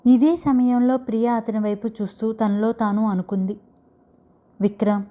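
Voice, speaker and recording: Woman, storyteller, romance audiobook narration, steady expressive reading. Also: on the high side, moderate pace.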